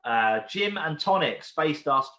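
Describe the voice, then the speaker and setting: A man's voice: fairly high pitch, expressive, slow pace, sharp tone. A man from the UK hosting an online pub quiz from home, chatting casually, rambling between questions and repeating each question. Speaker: quiz host. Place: room at home. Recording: roomy home recording.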